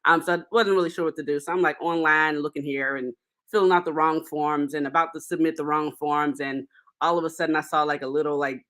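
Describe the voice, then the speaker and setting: A woman hosting a solo podcast, talking casually with many fillers and soft laughs. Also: low voice, steady tone, quick pace. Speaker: podcast host.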